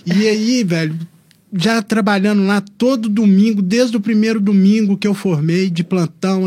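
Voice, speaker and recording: A man, a doctor telling stories in casual podcast chat, animated and always tossing in "velho". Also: sits high. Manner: animated storyteller, keeps saying "velho".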